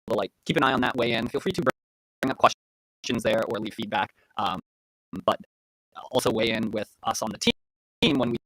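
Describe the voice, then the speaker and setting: A man's voice: medium pitch, dry recording, poor audio. A man chatting casually on a livestream about his project, his volume jumping up and down because his mic keeps cutting in and out. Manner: relaxed, filler-heavy talk. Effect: uneven volume from a faulty mic cutting in and out. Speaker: project team member. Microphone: headset or desk mic on a video call.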